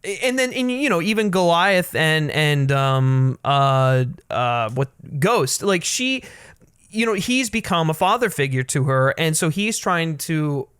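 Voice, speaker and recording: A man co-hosting a casual film talk, halting and restarting often as he gently disagrees. His voice is a touch high. The recording is close and dry, with no room sound. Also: sing-song, smooth, no room sound. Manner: hesitant, many restarts and fillers, mildly argues back. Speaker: film podcast co-host.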